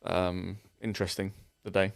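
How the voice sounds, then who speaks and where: A man's voice: low-pitched, flat delivery, normal speed, gravelly. A young man telling a rambling story in casual chat as a podcast co-host, full of restarts. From England. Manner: rambling anecdote with many restarts.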